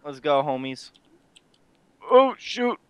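A man's voice: a little high, sing-song, takes it slowly, smooth. A man in a casual game session, boasting about his kills and trash-talking his friends in slang. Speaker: co-player. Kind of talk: casual gaming chat.

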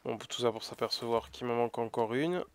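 Gravelly-voiced man muttering through gameplay. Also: mid-range voice, brisk, darkish tone. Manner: muttering to himself, half-whispered asides. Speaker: let's play gamer. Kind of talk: casual gameplay commentary.

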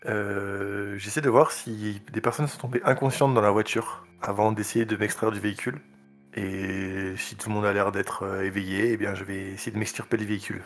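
A man's voice: fairly low pitch, level tone, normal speed, soft background music. A man playing a tabletop game over a video call, speaking in a plain, matter-of-fact way. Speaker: player. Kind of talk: tabletop game role-play. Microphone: headset on a video call.

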